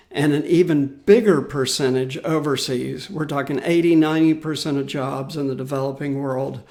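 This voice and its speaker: A man hosting his own podcast, talking loosely and unhurriedly with many fillers and restarts. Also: fairly high pitch. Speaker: podcast host. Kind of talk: solo podcast commentary.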